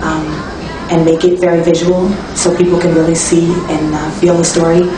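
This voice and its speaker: A young woman, a singer-songwriter talking casually in an interview, relaxed and reflective with frequent ums and restarts. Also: lowish voice, normal speed. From Toronto, Canada. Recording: echoey room, distant mic, music behind.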